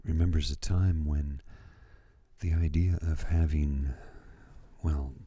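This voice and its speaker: A man in his fifties speaking in a soft, breathy ASMR voice, slow and soothing, moving between whispering and murmuring close to a studio microphone. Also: very deep voice, steady tone, no room sound. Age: 50s. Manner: slow, soothing, hushed delivery. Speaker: ASMR host. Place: at home.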